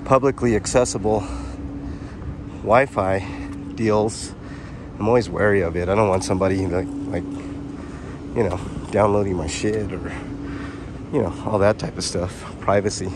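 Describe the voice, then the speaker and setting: A man's voice: fairly low pitch, normal speed, pauses often. A man filming a casual walking vlog outdoors on a city sidewalk, rambling and chatting directly to his viewers on a handheld camera mic. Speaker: vlogger. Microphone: handheld camera mic while walking. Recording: street traffic noise behind. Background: traffic.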